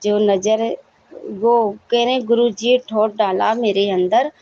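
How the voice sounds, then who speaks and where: A woman's voice: mid-range voice, steady tone, takes it slowly, warm tone, dull audio. A woman giving a devotional testimony, telling her story to the congregation, often addressing them as sangat ji and stopping to apologize and correct herself.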